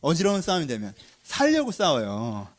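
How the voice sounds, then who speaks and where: A man's voice: on the high side, wildly swooping pitch, moderate pace. A man preaching a sermon, constantly asking his listeners questions and answering them himself. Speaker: pastor.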